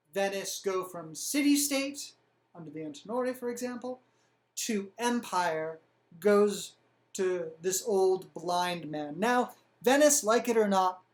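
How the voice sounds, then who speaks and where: A woman's voice: mid-range voice, a little mellow. Woman host, comedic history narrator, wry and sarcastic, plain natural voice.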